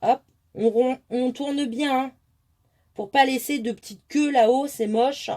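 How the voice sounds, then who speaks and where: A woman with a slightly high voice walks viewers through a craft demonstration. She talks in a relaxed, chatty way, full of small asides and fillers as she explains each step. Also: a little slow. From France. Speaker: crafting tutorial host.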